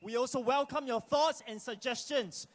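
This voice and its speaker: A man's voice: very high-pitched, moderate pace. A man speaking as master of ceremonies at a political rally, urgent, rousing and exhorting like an activist.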